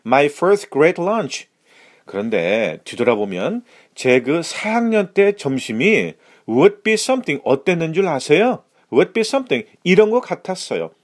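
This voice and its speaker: A man with a Korean accent teaching English phrases in a lesson, lively and expressive, reading the English lines slowly and deliberately. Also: fairly high pitch.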